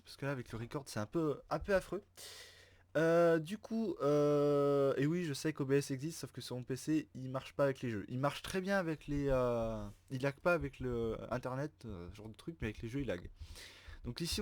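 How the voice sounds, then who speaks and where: A man's voice: a little high, a little fast, a little mellow, no room sound. A man giving casual, rambling gameplay commentary while touring his base, full of fillers and restarts. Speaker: Minecraft server player showing his base.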